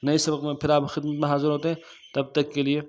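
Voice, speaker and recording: A male Quran teacher from Pakistan with a Pakistani Urdu accent, chanting verses slowly and melodically, then quickly explaining pronunciation errors. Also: fairly high pitch, monotone, a little mellow. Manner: alternates slow melodic recitation with quick spoken explanations. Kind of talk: tajweed lesson, chanted recitation with spoken corrections.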